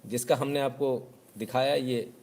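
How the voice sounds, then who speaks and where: A man's voice: medium pitch, fairly even intonation, a little slow, darkish tone. A man, hosting a live news show in casual, sarcastic commentary. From Uttar Pradesh, India. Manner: sarcastic, mocking.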